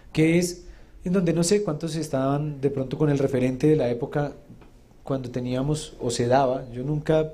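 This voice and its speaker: This is a man explaining scripture to his listeners. His voice sits a little high yet stays soft and mellow. He keeps it conversational, posing rhetorical questions and then answering them himself. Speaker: Torah teacher. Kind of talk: religious teaching talk.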